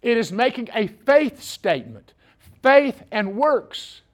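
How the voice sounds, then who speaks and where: A man's voice: very high voice, big pitch swings, slow. A man preaching a sermon, folksy and joking, speaking directly to his congregation. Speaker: pastor.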